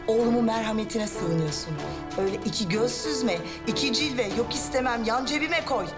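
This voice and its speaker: An actress playing a cold, wealthy middle-aged mother who speaks slowly and cuttingly. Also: medium pitch, lightly acted. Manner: slow, cutting, threatening. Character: Sevinç Hanım, cold wealthy mother, scornful. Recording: TV drama with loud score underneath.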